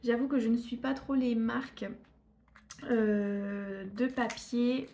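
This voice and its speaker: A woman from northern France chats casually about her scrapbooking buys, often stopping for fillers and starting sentences over. Her voice is mellow and slightly high. A faint hiss sits under the recording. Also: fairly even intonation, takes it slowly. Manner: chatty, hesitant, many fillers and restarts. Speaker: scrapbooking YouTuber. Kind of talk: casual haul video.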